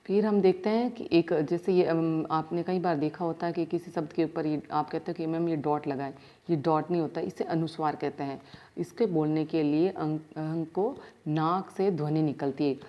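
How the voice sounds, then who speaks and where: A woman's voice: sits low, steady tone. A woman school teacher, giving a grammar lesson and sounding out letters one by one. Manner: explains step by step, sounds out letters slowly. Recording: dull lo-fi sound.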